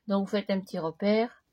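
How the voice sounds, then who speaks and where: A woman hosting a crafting tutorial, chatting casually as she works, slightly hoarse and clearing her throat now and then. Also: mid-range voice, warm tone. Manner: slow, chatty, talks to herself while working.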